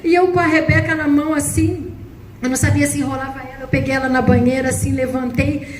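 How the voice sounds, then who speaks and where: A woman's voice: little pitch movement, quick pace, a little mellow. A woman missionary preaching a sermon and telling a personal testimony with emotional, dramatic delivery. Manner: emotional, dramatic retelling, voice rising high at climaxes. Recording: echoey room, faint noise.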